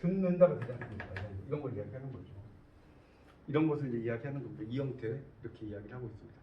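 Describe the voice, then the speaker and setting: This male university lecturer has a mid-range voice and talks very fast, regularly checking that his class understands by asking if they follow. The lecture room recording is distant, echoey and dull, with slight hiss or hum.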